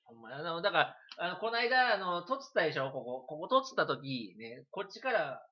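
A man with a Kansai accent, chatting and telling a story on a livestream in an animated, giggly way. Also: a little high, brisk, dull audio. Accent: Kansai Japanese. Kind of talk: casual rambling storytelling.

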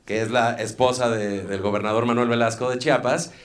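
Mexican guy doing standup in a club, slangy and mocking, average pitch, talking into a stage mic. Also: fairly even intonation, brisk. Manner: loose, slangy, mocking asides. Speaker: stand-up comedian. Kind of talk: live stand-up set.

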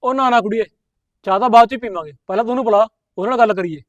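An actor playing a hot-headed young village brother who blusters and threatens, speaking with a Punjabi accent. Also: male voice, sits high, racing, no room sound, dull audio, natural voice. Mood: angry. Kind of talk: village comedy film acting.

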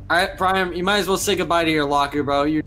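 A man's voice: a little high, steady tone, fast. A young man mocking another player during a video game. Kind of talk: casual gameplay banter.

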